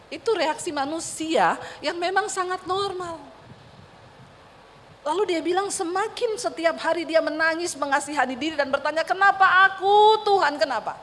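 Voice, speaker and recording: A woman's voice: extremely high pitch, moderate pace, a little hiss or hum. A woman pastor preaching a sermon, telling a story with emphatic repeated cries. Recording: reverberant church hall, faint ambience.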